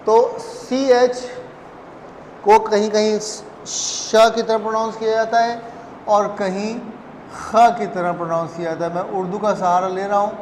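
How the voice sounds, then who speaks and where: A man whose first language is Urdu talks his way through a language lesson. His voice sits high, and his manner is loose and chatty, with joking asides and plenty of fillers. The room sounds echoey, with a long reverb tail and a faint hum of ambience behind him. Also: a little mellow. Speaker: German language teacher. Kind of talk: casual spoken lesson.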